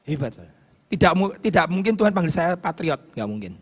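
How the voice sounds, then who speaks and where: A man preaching a sermon as pastor, fervent, swinging between loud shouts and hushed asides. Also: a little high, sing-song, quick pace, breathy edge. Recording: long hall reverb.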